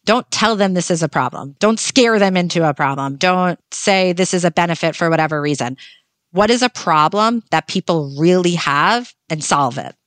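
A woman in her thirties talks as a podcast guest, with an upbeat, emphatic and practical manner. Her voice sits fairly low. The sound is close and dry. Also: normal speed, no room sound. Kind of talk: podcast conversation.

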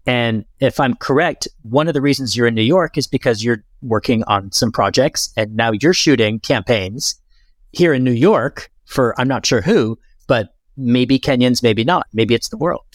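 A man conducts a conversational interview with an enthusiastic, affirming manner. His voice is mid-pitched, recorded dry and close. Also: moderate pace, no room sound.

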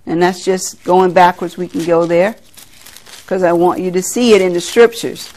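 A woman's voice: on the low side, moderate pace, darkish tone. A middle-aged woman from South Carolina preaching a sermon, earnest, laughing at herself and acting out family conversations.

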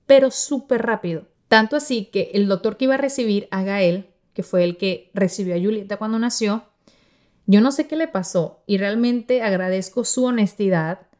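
A woman in her thirties hosting a podcast, telling a personal story in a casual, animated way and acting out the voices of the people she quotes. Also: medium pitch, moderate pace. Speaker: podcast host.

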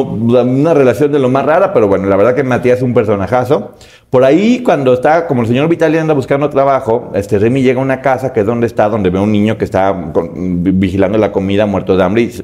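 A man's voice: mid-range voice, mellow. A man with a Mexican Spanish accent casually retelling a cartoon's plot in a spoken review, joking and sarcastic, often correcting himself mid-sentence.

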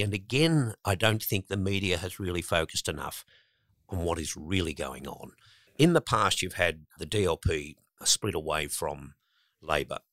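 Male guest, very low voice, emphatic, dry studio sound. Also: fairly bright tone, no room sound. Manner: emphatic, rising to indignant stresses, some repeated words. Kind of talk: conversational political commentary.

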